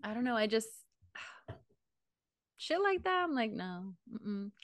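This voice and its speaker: A woman's voice: fairly high pitch, very animated, takes it slowly, no echo, clean studio sound. A young woman co-hosting a podcast in casual chat, blunt and chatty, swearing casually and laughing often. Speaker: podcast co-host.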